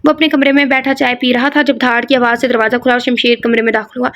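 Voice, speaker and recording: High-voiced woman reading a novel. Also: little pitch movement, fairly bright tone. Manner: breaks in with casual comments of her own. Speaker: audio novel narrator. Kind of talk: reading a romance novel aloud.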